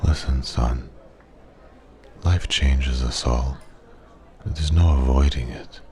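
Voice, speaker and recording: A man playing a wise, regretful old man at a pub, a soft-spoken old sage giving slow, gentle advice in an ASMR ASMR role-play. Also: rumbling low. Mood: earnest, tender. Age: older.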